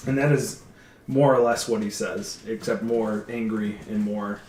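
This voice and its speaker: Slow steady guy dm'ing a tabletop game, roomy echo, a little hiss. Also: on the low side. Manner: measured, halting narration with fillers. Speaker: dungeon master. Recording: roomy echoey room, faint noise.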